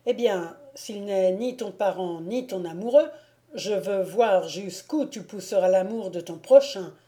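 A woman voicing a gruff male noble wolf-hunter, loud, teasing and commanding, in a storybook reading. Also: mid-range voice, measured pace, lightly acted. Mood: teasing, bluff.

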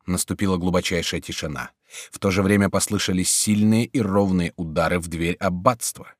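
A man narrating an audiobook novel in a measured, expressive reading. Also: sits low, dry recording, clean studio sound. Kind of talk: scripted narration.

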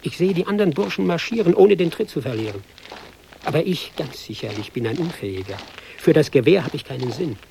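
A man's voice: fairly high pitch, expressive, a little fast, creaky, dark tone, a little hiss or hum. An actor playing a hapless young army recruit, reciting his tale in ironic, sing-song rhyme for a radio play. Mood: sardonic.

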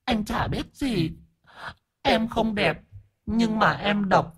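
Brief: a camp bald ghost, high breathy falsetto, lilt, whiny and sassy, storybook telling. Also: male voice, slow pace, fairly bright tone, exaggerated voice. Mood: whiny lament. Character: camp, sharp-tongued bald male ghost, tearful.

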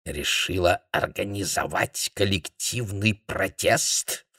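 A man voicing an irate male German camp commandant with a croaking voice who bellows his orders. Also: mid-range voice, takes it slowly, bright, forceful tone, no echo, clean studio sound, voice pushed up. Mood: menacing.

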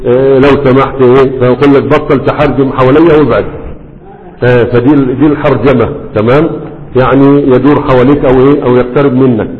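A man's voice: medium pitch, steady tone, fast. Teacher, male, Egyptian Arabic accent, quizzing the class as he lectures, thin phone-like sound with hall echo. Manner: explains by asking the class and answering himself.

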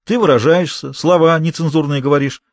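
A man's voice: a little high, fairly even intonation, fairly quick, no room sound, lightly acted. A man voicing a brave, earnest teenage schoolboy who speaks resolutely.

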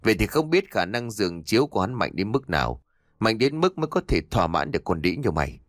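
A man voicing a cruel, vengeful young man in a ghost story, snarling insults in fast, harsh bursts. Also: on the low side, sing-song, no room sound, clean studio sound. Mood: furious.

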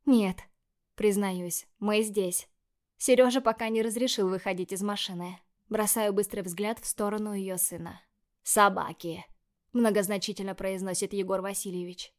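A woman reading first-person scripted narration in a measured, expressive way. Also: mid-range voice. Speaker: audiobook narrator.

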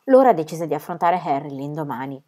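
A woman narrating a novel as an audiobook reader, with a measured, expressive delivery. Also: low-pitched. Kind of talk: scripted literary narration.

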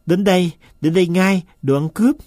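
A nervous, agitated master speaks here, as a man reads him aloud. He turns shrill and hisses when he loses his temper. The recording is dry and close, like a storybook read at the mic. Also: fairly quick, darkish tone, no echo, lightly acted. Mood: shrill, furious. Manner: shrill, hissing when upset.

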